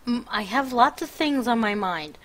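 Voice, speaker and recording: A woman's voice: on the high side, expressive, moderate pace. Tired young woman streamer, rambling, teasing, casual live-stream chat. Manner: rambling, teasing, self-interrupting.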